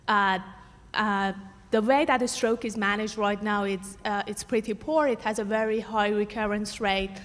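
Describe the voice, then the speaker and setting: Woman from Iran, panel guest; measured with many "uh"s; hall reverb. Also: mid-range voice, a bit bright. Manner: measured, frequent uh fillers. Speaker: panelist, startup co-founder. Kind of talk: panel self-introduction. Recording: long reverb of an event hall.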